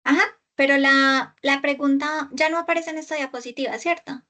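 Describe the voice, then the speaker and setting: A woman tutoring English over a video call, explaining patiently and stretching out English words slowly. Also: high voice, fairly even intonation, sharp tone. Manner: patient, slow and exaggerated English pronunciation, explaining in Spanish. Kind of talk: online tutoring session.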